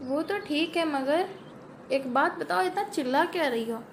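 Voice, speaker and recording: A woman puts on a laid-back elder sister who teases gently and hatches pranks. Her voice is noticeably lower and softer than the bratty sisters, with an easy, coaxing tone. This is a homemade comic family sketch. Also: normal speed, a little hiss or hum. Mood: amused. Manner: soft, amused, coaxing. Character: calm teasing elder sister, scheming.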